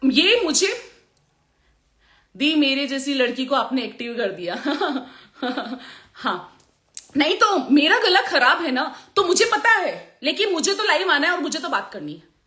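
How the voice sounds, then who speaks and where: A woman makeup artist chatting on a live stream, with a sore throat, animated and laughing often. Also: high-pitched, unhurried, reverberant. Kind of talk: motivational live chat.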